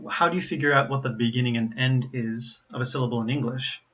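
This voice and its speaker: An American man giving an instructional pronunciation lesson, explaining carefully and enunciating examples deliberately. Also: medium pitch, fairly even intonation, fairly bright tone. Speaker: English pronunciation teacher. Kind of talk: instructional explanation with word demonstrations. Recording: slightly dull, lo-fi audio.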